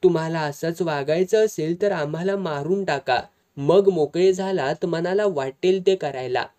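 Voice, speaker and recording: A woman's voice: low voice, measured pace, dark tone. A reader voicing a worried young wife who reproaches her husband. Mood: reproachful.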